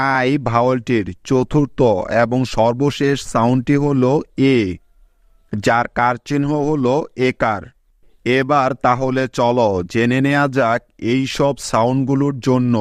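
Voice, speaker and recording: A man teaching English reading in a measured, scripted narration, counting off each rule and reading out lists of example words. His voice is smooth and clean at a middle pitch. The recording is dry and close, with no room sound. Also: steady tone, dry recording.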